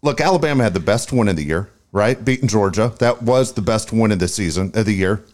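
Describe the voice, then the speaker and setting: A man's voice: lowish voice, expressive, fairly quick, darkish tone. A man co-hosting a casual sports talk show, speaking informally with repeated phrases and some swearing.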